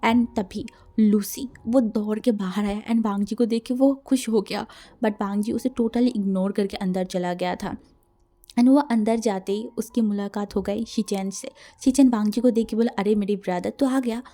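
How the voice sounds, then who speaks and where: A woman's voice: medium pitch, fairly even intonation, normal speed, mellow. A woman casually retelling a fan fiction story, mixing in English words and acting out the dialogue.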